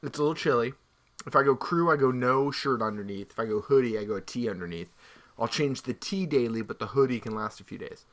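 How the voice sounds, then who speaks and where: A man co-hosting a podcast, chatting casually with rambling jokes and quick asides. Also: mid-range voice, fairly bright tone. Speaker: podcast co-host. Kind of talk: casual chat.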